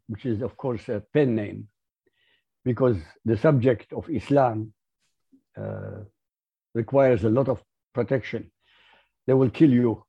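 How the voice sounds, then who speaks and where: A man with an Arabic accent, his first language Arabic, speaking as a podcast guest. He talks in an emphatic, lecturing way with a husky voice. The audio is muffled and lo-fi. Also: medium pitch. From Iraq. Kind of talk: interview.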